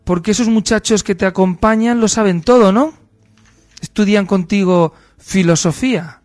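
A man reading the part of a sharp-witted, sardonic male slave who answers with dry, mocking comebacks. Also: sits high, moderate pace, no room sound, close to an everyday voice.

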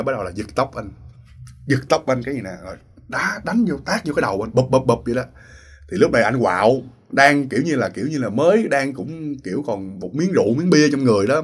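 Fast-talking husky man. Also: medium pitch. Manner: acts out quoted voices, talks straight to listeners. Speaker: ghost story narrator. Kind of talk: casual storytelling.

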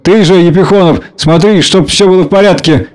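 A man's voice: sits high, a little fast, darkish tone, pitched above the performer's own voice, lightly acted. A man reading a play aloud and voicing a busy, businesslike merchant. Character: brisk self-made merchant man, busy.

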